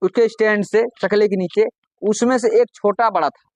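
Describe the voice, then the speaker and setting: A man's voice: sits high, fairly even intonation, normal speed, no echo. A man performing stand-up comedy, telling folksy jokes conversationally and acting out the dialogue in them.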